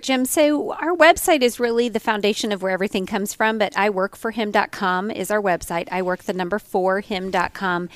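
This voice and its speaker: A woman's voice: mid-range voice, clean tone, no echo. A woman co-hosting a show, giving listeners information in a conversational way. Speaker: co-host.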